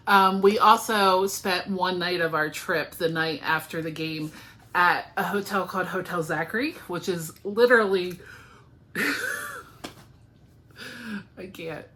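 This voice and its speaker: A woman's voice: fairly low pitch, sharp tone. A woman in her forties from the United States, hosting her knitting podcast in a casual chat to camera at home, tired and yawning, with lots of ums and laughs. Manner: chatty, frequent ums, laughs often, sleepy and yawning.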